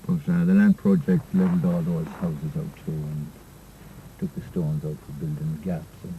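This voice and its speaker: Deep, dark-voiced Irish man. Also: animated, moderate pace, gravelly, a little hiss or hum, low-quality recording. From Ireland. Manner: plain, agreeing, with fillers. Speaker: local guide. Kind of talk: pointing out sites outdoors.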